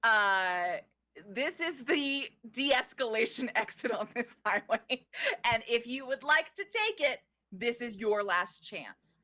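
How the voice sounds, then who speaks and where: Bright-voiced, slow-paced woman game master. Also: fairly high pitch, animated. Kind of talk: narrating and refereeing a tabletop game.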